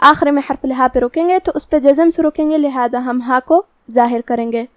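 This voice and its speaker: A woman with a high voice gives a step-by-step lesson on the rules of recitation. She explains each rule calmly and in order, and draws out the recited verses slowly. The sound is dry and close. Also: dry recording. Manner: calm, methodical explanation, with slow drawn-out recitation of verses. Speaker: Quran recitation teacher.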